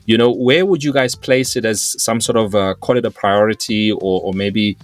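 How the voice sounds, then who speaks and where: A man's voice: fairly low pitch, moderate pace, no room sound, faint music behind. A man hosting a business podcast, asking long, rambling questions with many restarts. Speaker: podcast host. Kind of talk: casual interview talk.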